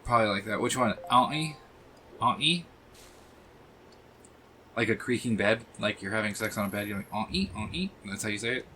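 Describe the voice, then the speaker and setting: A man's voice: on the low side, flat delivery, very fast, hardly any pauses, sharp tone, a little hiss or hum. A man streaming a video game, chatting casually with viewers and swearing freely at enemies. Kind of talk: casual live-stream chat while playing. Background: game music.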